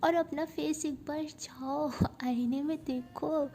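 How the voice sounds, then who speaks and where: A woman voicing a gentle, timid young woman who teases, in a soft, half-whispered storybook reading. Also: high-pitched, steady tone, slow pace, pitched above the performer's own voice. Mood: teasing.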